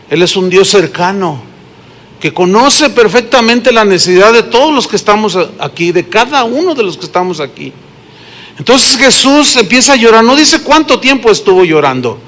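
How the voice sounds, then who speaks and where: A man's voice: sits high, a bit bright. A man with a Mexican accent preaching a sermon to his congregation, telling stories and asking them questions. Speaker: pastor. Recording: long hall reverb.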